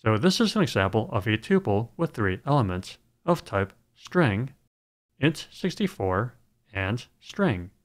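Lively-pitched man narrating a coding lesson. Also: unhurried. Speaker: programming tutorial narrator. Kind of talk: scripted screencast narration.

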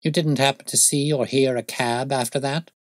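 A man voicing a brilliant, impatient gentleman detective in an audiobook story, speaking in a brisk, commanding, articulate way. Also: medium pitch, steady tone, dry recording, pitched above the performer's own voice, close to an everyday voice.

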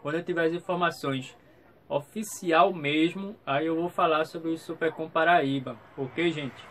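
A YouTube channel host gives a casual vlog update from a small room at home, hesitant and repetitive, often checking in with viewers. His pitch is fairly high, his tone steady, unhurried and a bit bright. Background noise and room ambience come through clearly.

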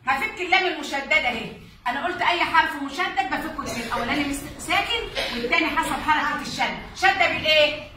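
High-voiced Egyptian woman teacher in an echoey classroom. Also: expressive, quick pace, bright, forceful tone, slight background noise. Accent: Egyptian Arabic. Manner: patient, drills pupils with repeated questions. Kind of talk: classroom reading lesson. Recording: echoey classroom, distant mic.

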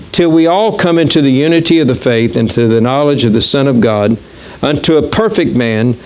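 A man preaching a sermon as pastor, reading scripture quickly and slowing down to stress key words. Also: medium pitch. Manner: reads verses quickly, then slows to stress key words. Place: church.

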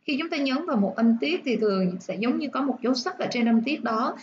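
A woman teaching nursing English, explaining step by step and repeating words slowly to show where the stress falls. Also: a little high, animated, muffled recording, slight background noise.

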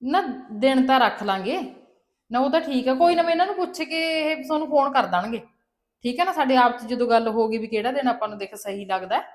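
A woman's voice: high-pitched, fast talker. A woman acting in a family drama, chatting politely on the phone. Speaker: actor in a family web drama. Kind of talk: scripted phone call scene.

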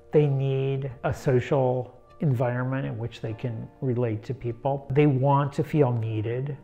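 Slow mellow talker, kinda muffled lo-fi sound, music under. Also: medium pitch. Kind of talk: interview. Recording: dull lo-fi audio with faint music.

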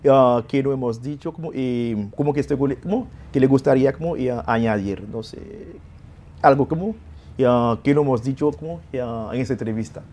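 A man hosts an interview on a TV studio set. He asks his questions slowly and haltingly, with lots of fillers between his words. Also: mid-range voice, dark tone. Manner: halting, filler-heavy phrasing. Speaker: TV show host.

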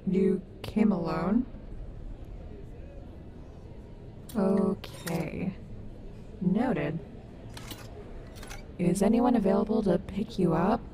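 Caring, sassy female robot wolf woman acting, ASMR roleplay. Slow, soothing, wry delivery at medium pitch, over noisy ambience. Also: natural voice. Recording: noticeable background noise.

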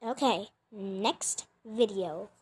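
A woman's voice: medium pitch, drawn-out words, very noisy. A female creator chatting casually while reacting to her own old clips, chatty and self-mocking. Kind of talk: casual chat.

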